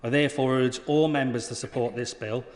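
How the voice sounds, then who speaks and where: A British man speaks in a large, reverberant debating chamber. He is a parliamentarian delivering a prepared speech, formal and earnest, at a medium pitch. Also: steady tone, brisk. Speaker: member of parliament. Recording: reverberant hall sound.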